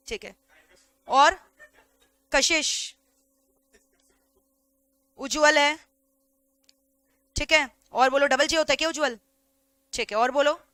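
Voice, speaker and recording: A woman's voice: high voice, sharp tone, dry recording. An Indian woman teacher giving an online lecture in a chatty way, often checking whether her students follow.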